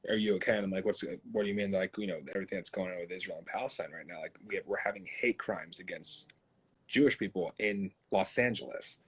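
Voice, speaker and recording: A man hosts a conversational interview, talking loosely and animatedly with plenty of fillers. His voice is low and a little husky, and it jumps up when he gets worked up. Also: quick pace. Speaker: host.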